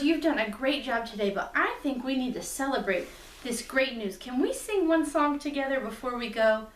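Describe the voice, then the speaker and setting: A woman leading a kids' church lesson for preschoolers, telling a story in a sing-song way to small children. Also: high voice. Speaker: children's ministry director. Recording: echoey room, mic at a distance.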